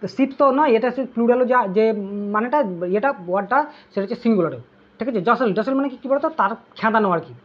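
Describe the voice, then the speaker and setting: A tutor runs an exam-prep English lesson, drilling word meanings and spellings. The voice is husky and breathy. The tutor keeps posing questions, answers them, and checks in after every point, all on a muffled, lo-fi recording. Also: medium pitch, fast. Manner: drills terms with constant "okay?" check-ins; asks students questions, then answers them.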